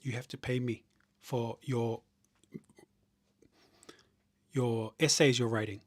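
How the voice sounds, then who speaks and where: A man's voice: medium pitch, steady tone, moderate pace, no room sound. Guy streaming live at his desk, talks off the cuff and restarts a lot, dry close sound, keys clacking. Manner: rambling, thinking out loud with restarts; reads viewer comments aloud. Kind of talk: casual live-stream chat.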